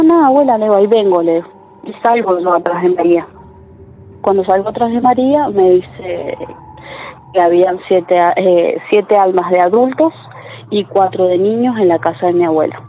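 A woman's voice: medium pitch, a little hiss or hum. Woman telling a story over a tinny phone line. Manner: chatty, with frequent tag questions. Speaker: caller sharing a true story. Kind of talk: casual storytelling.

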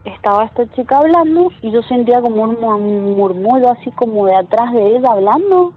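A woman's voice: fairly high pitch, animated, a little fast. A woman, a caller telling a true story in a chatty way with lots of tag questions. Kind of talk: casual storytelling. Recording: tinny phone line with faint noise.

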